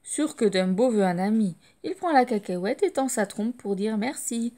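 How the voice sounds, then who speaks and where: A woman reading a children's storybook aloud, lively and expressive. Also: on the high side, moderate pace. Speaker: audiobook storyteller.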